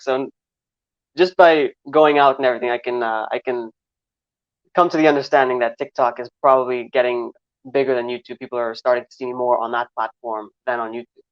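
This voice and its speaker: A man's voice: mid-range voice, no room sound. A man in his twenties from Trinidad with a New York accent, answering interview questions in a rambling way, with many fillers and restarts. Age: 20s. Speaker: guest filmmaker. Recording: slightly dull, dry recording.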